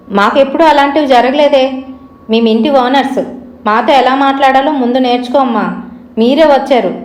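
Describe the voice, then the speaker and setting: A woman's voice: sits high, natural voice. A woman voicing a condescending male landlord on the phone in a horror story, recorded in an echoey room. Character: dismissive, haughty male landlord.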